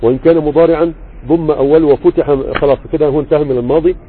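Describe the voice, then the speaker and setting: An Egyptian-accented religious teacher gives a grammar lesson online, racing in a steady, high-side voice. He reads a text, explains it chattily and regularly checks on his students' understanding. The tinny, phone-like recording carries a bit of hiss or hum.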